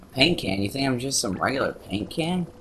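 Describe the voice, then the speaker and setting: A man's voice: medium pitch, sing-song, fairly quick, sharp tone, slight background noise. A man voicing a cocky, wisecracking talking paint can sidekick in a video game voice-over. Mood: indignant. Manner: brash, bossy and wisecracking. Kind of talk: let's play voice-over.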